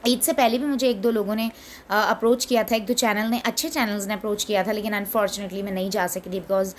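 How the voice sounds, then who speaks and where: A young woman talks through her day in a chatty vlog. She drops English phrases into her speech at an ordinary mid pitch. A faint hiss sits under the recording. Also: fairly even intonation, fast talker. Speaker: vlogger. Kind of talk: casual vlog chat.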